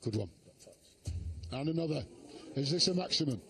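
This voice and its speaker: A man's voice: fairly high pitch, expressive, normal speed, loud music behind the voice. A man co-commentating on a darts match with chatty, jokey asides. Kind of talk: light-hearted sports commentary. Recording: broadcast with background noise.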